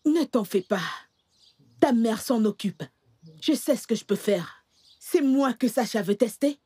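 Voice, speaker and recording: A woman's voice: a little high, lively intonation, measured pace, dark tone, breathy edge, dry recording. A woman playing a scheming gang matriarch. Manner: proud, wailing, then coolly menacing. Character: scheming older female gang matriarch, reverend mother. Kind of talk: dubbed film dialogue.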